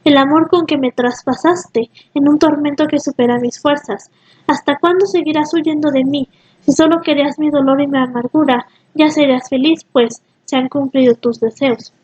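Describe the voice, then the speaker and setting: Woman doing a vengeful sorceress, high voice, dull lo-fi sound, storybook reading. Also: fairly even intonation, moderate pace, darkish tone, lightly acted. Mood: pleading. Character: cruel vengeful sorceress woman, pleading to her lover.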